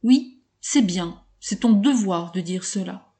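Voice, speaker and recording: A stern older uncle lays down the law in a grave, scolding tone, as a woman reader puts him on. The voice sits mellow and warm rather than harsh, and the telling feels like a storybook reading. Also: medium pitch, animated, takes it slowly.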